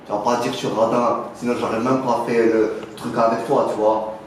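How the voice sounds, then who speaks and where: A man's voice: mid-range voice, flat delivery, a little fast, natural voice. Echoey man playing a slangy French street dealer. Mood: self-justifying. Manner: slangy, rambling, punctuated with filler address words. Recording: very echoey room, faint noise.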